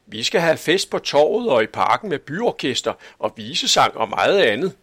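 A man voicing a calm, good-natured police chief in a storybook reading, speaking in an unhurried, gently reasoning way. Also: on the high side, breathy edge, no echo, studio quality, pitched above the performer's own voice, exaggerated voice.

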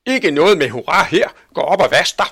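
A man voicing a grumpy, strict older spinster aunt in a storybook reading, sharp and scolding. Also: a little high, very animated, vocal fry, pitched above the performer's own voice, full character voice.

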